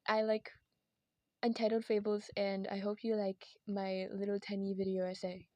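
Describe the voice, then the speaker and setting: A woman's voice: mid-range voice, monotone, normal speed, a little mellow, no echo. Lisping woman narrating a video essay, dry sound. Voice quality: lisp with whistling s. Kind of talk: informal video essay commentary, partly scripted. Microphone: headset microphone from headphones.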